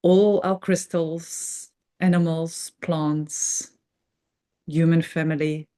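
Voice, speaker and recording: A woman leads a guided meditation in an unscripted spiritual talk, speaking earnestly and reverently in short, halting phrases broken by measured pauses. Her voice sits low, with a steady, mellow tone.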